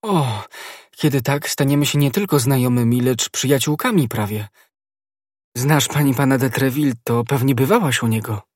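A man's voice: mid-range voice, normal speed, breathy edge, no room sound, studio quality, pitched above the performer's own voice, close to an everyday voice. A man voicing an earnest young woman from a convent in an audiobook, eager and questioning.

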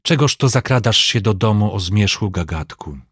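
A man voicing an elderly male servant who talks in loud, high exclamations. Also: lively intonation, moderate pace, breathy edge, no room sound, studio quality. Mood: gruff, suspicious. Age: older. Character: elderly male servant, startled, then tearful and pleading.

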